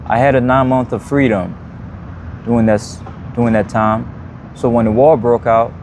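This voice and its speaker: A man in his thirties with a Liberian accent recounts his past in a plain, steady way. His voice sits at a middle pitch. Faint city traffic hums behind him outdoors. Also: moderate pace. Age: 30s. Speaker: interview guest. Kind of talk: personal life story in an interview.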